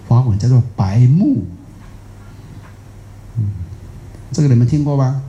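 A man's voice: medium pitch, expressive, measured pace, mellow, reverberant, dull audio, slight background noise. A man with a Taiwanese Mandarin accent, giving a rambling, folksy Buddhist dharma talk and asking his audience questions. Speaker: Buddhist teacher.

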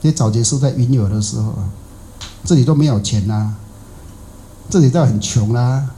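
A middle-aged man speaks as a Buddhist monk, telling stories in a loose, conversational dharma talk. He keeps asking his listeners questions and repeats himself often. His voice is dark and mellow, and a faint hiss sits in the background. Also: mid-range voice, normal speed, poor audio. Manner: chatty, rhetorical questions, many fillers and repeats. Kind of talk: colloquial dharma talk with anecdote.

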